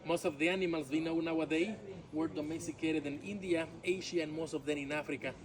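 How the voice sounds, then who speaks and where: Walking his tour group through ruins, this guide speaks fairly quickly in a fairly high, steady voice while tourists murmur in the background. His first language is Yucatec Maya and his English carries a Mexican Spanish accent; he's chatty, cracks jokes he laughs at himself, and keeps saying "all right?" and "my friends."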